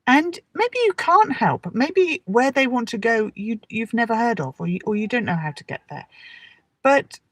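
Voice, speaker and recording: A middle-aged English teacher from England, with an English accent, hosts a live lesson, speaking directly to her listeners in a relaxed, chatty and encouraging way with personal anecdotes, like a livestream. Her voice is on the high side at a moderate pace. The recording has roomy echo and she sounds distant from the mic.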